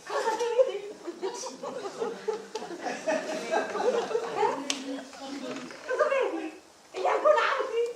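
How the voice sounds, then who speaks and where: Actress as a high-voiced chatty clown woman, scheming and coaxing; distant live stage recording in a heavily echoing hall. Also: fairly bright tone, a little hiss or hum, heavily acted. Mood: playful storytelling. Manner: chatty, playful, coaxing the listener. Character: playful scheming female clown prisoner. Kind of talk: live tragicomic stage performance. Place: large old hall or castle venue.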